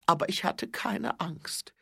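A man voicing a gentle, brave noblewoman who speaks softly in a raised voice. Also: sits high, takes it slowly, creaky, husky, no echo, studio quality, pitched above the performer's own voice, heavily acted. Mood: wry. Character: noble lady, warm, brave, shaken.

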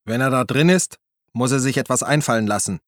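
A brash, commanding cop who barks orders and yells over the engine, as a man reads him. The voice is raised and a little higher than the reader's own, bone-dry and close with no room around it. It is an audiobook character voice. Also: a little fast, dry recording, close to an everyday voice. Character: brash male police officer, bossy daredevil driver.

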